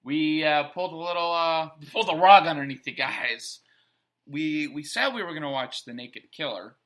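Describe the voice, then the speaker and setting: A young man co-hosting a podcast, telling a story in an animated way among friends. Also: on the high side, moderate pace. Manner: animated storyteller, acts out quotes, swears casually. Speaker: podcast co-host. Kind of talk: casual chat, storytelling.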